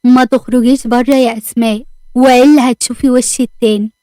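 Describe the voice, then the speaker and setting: A woman's voice: a little high, steady tone, fast talker, warm tone, no room sound, natural voice. Cold threatening egyptian husband, a woman reading him, dry sound. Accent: Egyptian Arabic. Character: cold, harsh husband, newly remarried.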